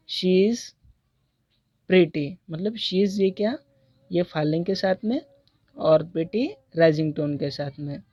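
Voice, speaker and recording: A man teaching a recorded lesson on English intonation in Hindi. He has an Indian English accent and reads the English example sentences slowly and deliberately. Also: sits high, dark tone, dry recording.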